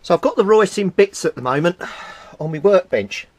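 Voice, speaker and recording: High-voiced and brisk, with lively intonation, a British hobbyist thinks aloud while he works with his hands. His casual, explanatory vlog gives an informal repair update as he handles equipment at an indoor home workbench.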